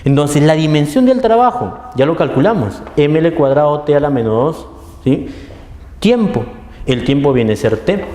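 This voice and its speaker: A man's voice: on the high side, big pitch swings, normal speed, warm tone. A man teaching a physics lesson, explaining step by step and often checking in with his listeners. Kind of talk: classroom lecture. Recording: echoey room with long reverb.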